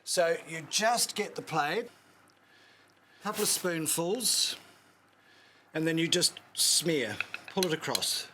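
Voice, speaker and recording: A man's voice: on the high side, animated, slow, long pauses, sharp tone, slight background noise. A man with a New Zealand accent demonstrating a recipe on a cooking show, chatty and instructive with joking asides.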